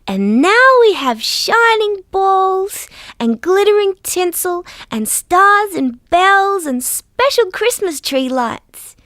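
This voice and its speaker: A woman with an Australian accent voicing a friendly, gentle dinosaur who sweetly and patiently tells stories to small children in a children's show. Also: very high-pitched, very animated, slow, no echo, studio quality, heavily acted. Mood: gentle, cheerful. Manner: sweet, patient, carefully enunciated. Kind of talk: scripted storytelling for small children.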